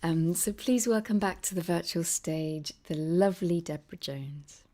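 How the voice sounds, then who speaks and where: A woman's voice: fairly low pitch, moderate pace. Woman, host, casual stream chat, laughs often, video call from home. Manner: giggly, warm-toned chatter with frequent laughs.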